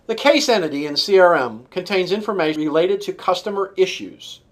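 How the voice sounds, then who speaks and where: He has a high voice and works as a software trainer. His scripted narration is measured and explanatory, laying out each list point by point.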